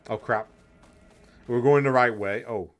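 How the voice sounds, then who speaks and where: A man's voice: medium pitch, measured pace, soft background music. A man streaming a game, chatting casually and thinking aloud, sometimes reading guide text under his breath. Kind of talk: casual gameplay commentary.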